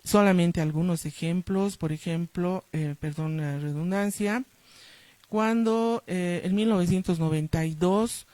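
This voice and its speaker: A woman co-editor giving a formal book launch speech, measured and full of hesitant fillers. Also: lowish voice, mellow, dry recording, low-quality recording. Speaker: book co-editor and former program director.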